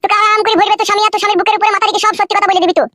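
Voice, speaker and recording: A woman's voice: very high-pitched, level tone, a bit bright. A woman voicing a poor young village husband who argues and pleads in a comic cartoon. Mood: accusing. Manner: rapid, pleading and quarrelsome. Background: light music.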